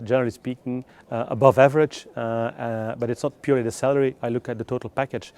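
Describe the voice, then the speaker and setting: A male recruitment specialist offers explanatory interview answers, speaking English as a non-native speaker with measured, hesitating phrasing. His voice is medium-pitched and darkish in tone.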